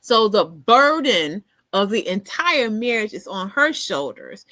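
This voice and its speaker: A woman hosting a podcast in casual solo commentary, animated, often laughing and repeating words for emphasis. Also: on the high side, dry recording. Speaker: podcast host.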